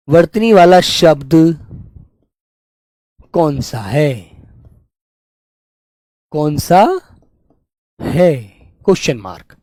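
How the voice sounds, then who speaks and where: A man's voice: high voice, darkish tone, no room sound. A man teaching an online spelling lesson to exam students, talking in a coaxing, repetitive teacherly way.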